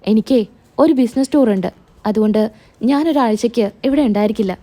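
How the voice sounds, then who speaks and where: A woman's voice: on the high side, a little fast, warm tone, natural voice. A woman voicing a cold, curt young husband in a spoken recap of a TV serial, talking in a short, dismissive way.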